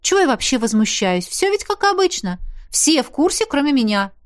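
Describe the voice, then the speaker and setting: Sarcastic young heroine, exasperated and sharp, pitched up high, lively swings, as a woman reads her. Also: brisk. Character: fiery young woman heroine, quick to anger.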